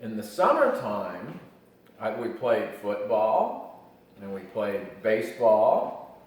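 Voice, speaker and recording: A man's voice: fairly low pitch, sing-song, slow pace. An older man with an American accent, an old man casually telling childhood stories and explaining things simply in an interview. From Michigan, United States. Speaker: grandfather being interviewed. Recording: echoey room, distant mic, faint noise.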